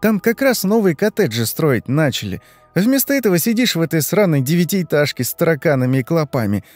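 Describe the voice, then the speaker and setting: A man's voice: on the high side, sing-song, no echo, soft background music, pitched above the performer's own voice. Man doing a chirpy gossiping young woman. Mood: chattering. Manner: chirping, fast-flowing, fawning.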